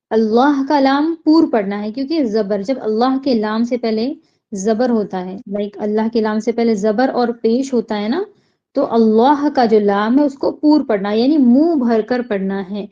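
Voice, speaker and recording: A woman teaching Quran recitation. She explains each sound patiently and chants the verses slowly. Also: fairly high pitch, highs cut off.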